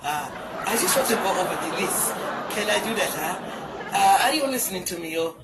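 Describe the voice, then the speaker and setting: A middle-aged British Jamaican comedian, speaking expressively and fairly quickly at medium pitch, delivers a bawdy comic phone call rich in patois turns of phrase. A loud crowd makes it very noisy; she's recorded in a small indoor room on a close phone camera with wired earphones.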